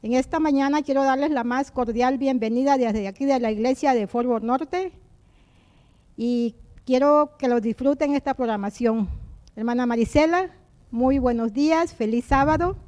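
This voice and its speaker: A high-voiced woman leads a church service, speaking softly and earnestly as she welcomes listeners and prays. Her tone is mellow and warm, and the sound is close and dry with no room echo. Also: normal speed, muffled recording. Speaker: service host and prayer leader. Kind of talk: church welcome and spoken prayer.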